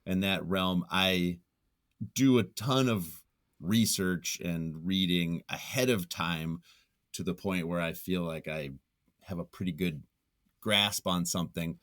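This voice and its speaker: In a reflective interview, a nonfiction writer appears as the guest, speaking in a deep, slightly bright voice at a slow pace. He comes across as thoughtful and self-effacing, often hesitating as he feels his way through a sentence.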